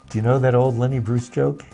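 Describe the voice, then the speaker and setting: A man's voice: medium pitch, creaky, dark tone. Man bantering as a talk show co-host. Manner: teasing, playful banter. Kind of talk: casual chat.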